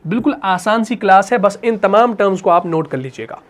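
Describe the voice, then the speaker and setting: Male recitation teacher, patient, question-and-answer delivery, slow repetition of key terms. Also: high-pitched, animated. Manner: patient, asks questions and answers them himself; repeats each term slowly. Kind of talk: classroom lesson.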